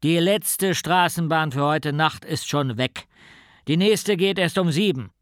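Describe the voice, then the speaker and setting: A man reading a storybook and voicing a big, gruff policeman on night patrol who barks orders in a pompous way. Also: mid-range voice, moderate pace, fairly bright tone, no echo, clean studio sound, natural voice. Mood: barking. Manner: barking, bossy, pompous.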